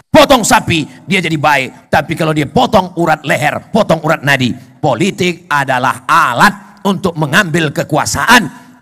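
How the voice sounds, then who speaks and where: Animated high-pitched Indonesian preacher man. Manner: dramatic swings between loud shouting and low asides, joking with the crowd. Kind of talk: lively sermon to a gathering.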